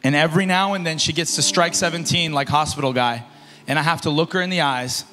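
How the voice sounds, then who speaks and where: Talking fast, a young youth pastor preaches energetically into a handheld mic, pacing a large concert hall stage and gesturing as he goes. Shouted points alternate with low, soft asides, and the recording carries hall reverb and faint music.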